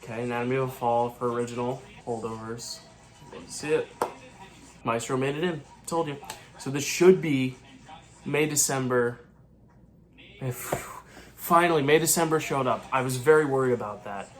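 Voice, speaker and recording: A man hosting a movie channel, giving live reaction commentary in short, excitable bursts. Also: mid-range voice, moderate pace.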